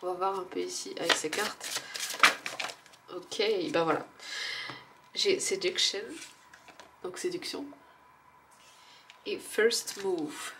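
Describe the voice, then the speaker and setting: A woman with a stuffy nose doing a casual oracle card reading, musing and hesitant, with frequent fillers and soft laughs at herself. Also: lowish voice, fairly even intonation, slow, long pauses, noisy background.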